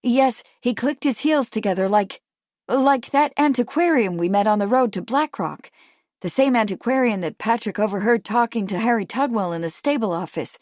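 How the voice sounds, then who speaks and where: A woman's voice: a little high, moderate pace, a little mellow, no echo, studio quality, lightly acted. A woman narrator voicing an anxious, determined young Victorian woman, speaking earnestly and urgently.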